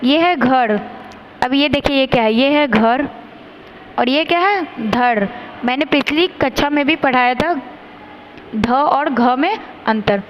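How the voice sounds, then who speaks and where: Speaking in a high voice, a female teacher gives children a grammar lesson, carefully and slowly sounding out each letter to highlight their differences. The recording is rough, with a little hiss or hum.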